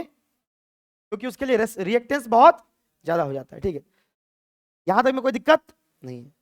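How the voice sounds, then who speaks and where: A man's voice: extremely high pitch, no echo, clean studio sound. A man teaching physics in a playful classroom lecture, acting out dialogue lines in a mock-dramatic voice. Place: classroom with a board.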